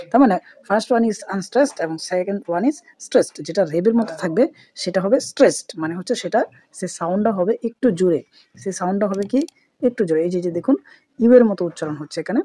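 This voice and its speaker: A woman teaches a literature class with a mellow, warm tone. She explains patiently, goes back over each point, and slips English terms into her speech. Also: lowish voice. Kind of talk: explanatory lecture.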